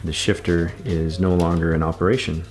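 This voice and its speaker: A man's voice: low voice, steady tone, a little fast, a little mellow, soft background music. A man giving a patient, methodical bike repair tutorial, talking through each step as he works. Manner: patient, methodical, repeats steps.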